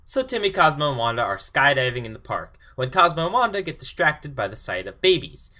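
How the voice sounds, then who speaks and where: Young guy around 20 ranting sarcastically about a cartoon ep, bright lively voice. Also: fairly high pitch, a little fast. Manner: exasperated, sarcastic complaining. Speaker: online cartoon reviewer. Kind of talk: ranting episode review.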